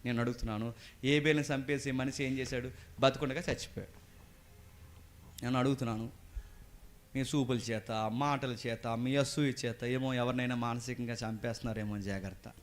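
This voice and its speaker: A man preaching a sermon, putting questions to the congregation and rising to loud calls. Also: medium pitch, steady tone, normal speed. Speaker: pastor.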